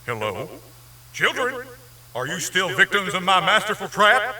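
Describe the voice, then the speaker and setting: A man playing a pompous, easily flustered cartoon villain with a slow, theatrical, creaky delivery over music. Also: sits high, very animated, recorded from a distance, exaggerated voice, low-quality recording. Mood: hesitant gloating. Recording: loud music behind the voice.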